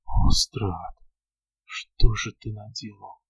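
A man reading an audiobook, voicing a weary older noblewoman who speaks softly and pleadingly. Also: fairly low pitch, steady tone, slow pace, vocal fry, breathy edge, exaggerated voice.

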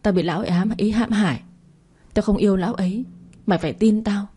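A woman's voice: medium pitch, quick pace, warm tone, slightly rough, close to an everyday voice. A woman voicing a frightened young pregnant woman who pleads through tears. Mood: tearful. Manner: tearful and pleading.

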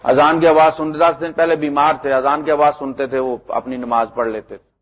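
A middle-aged man preaching a sermon, animated, with loud emphatic lines that drop to low asides. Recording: muffled lo-fi lecture recording.

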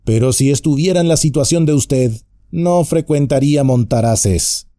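A man's voice: on the high side, moderate pace, warm tone, no room sound, studio quality, voice pushed up, natural voice. A man voicing a nervous, fussy, stout male innkeeper who talks anxiously and at length. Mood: flustered. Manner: flustered, anxious, talkative.

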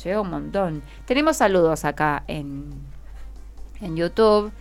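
A radio host with a Rioplatense Argentine accent talks with schoolchildren in the studio, faint music underneath. Her voice is lowish and animated, her pace measured, and she prompts them encouragingly with short questions and affirmations in a friendly, chatty way.

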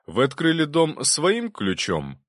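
A sly prosecutor pressing witnesses with pointed, raised questions, as a male narrator voices him. His pitch swings lively from line to line. The sound is dry and close. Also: slow pace, no room sound, heavily acted. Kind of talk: audiobook reading.

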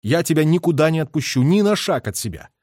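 A man's voice: on the high side, sing-song, fast, a little mellow, no echo, pitched above the performer's own voice. A young army officer speaks with raised, earnest urgency, as a male reader plays him. The voice lifts well above the narration. The recording is dry and close. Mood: tender. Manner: calling out urgently.

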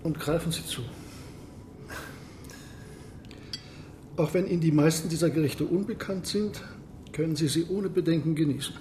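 An actor playing a proud, secretive submarine captain in a radio drama, speaking in a measured, formal, imperious way. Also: male voice, on the high side, dark tone, a little hiss or hum, lightly acted. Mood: courteous.

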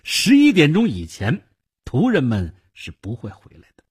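A man voicing a shrewd, wealthy older uncle who talks in a measured, quietly persuasive way, with a husky voice. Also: fairly high pitch, wildly swooping pitch, exaggerated voice. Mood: calm scheming.

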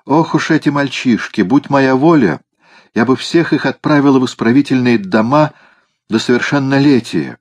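A man's voice: mid-range voice, normal speed, pitched above the performer's own voice, natural voice. A man reading an audiobook, voicing a sentimental old cat lady who cares for animals more than people. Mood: scolding. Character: old woman who dotes on cats, fussy and sentimental.

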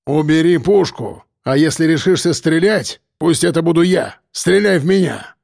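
Guy doing a gruff shouty prisoner, blunt, a bit raised. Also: fairly high pitch, moderate pace, dry recording, studio quality. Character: gruff, blunt middle-aged man prisoner.

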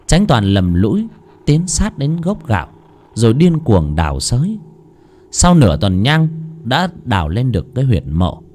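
Brief: male horror narrator, very expressive pitch, suspenseful delivery, soft music bed. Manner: dramatic, suspenseful storytelling.

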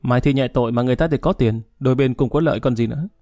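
Curt, vengeful male convict in a storybook reading, mellow low voice, as a male narrator reads him. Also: racing, dry recording, studio quality, faint music behind, lightly acted. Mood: bitter. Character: hardened male death-row prisoner, bitter.

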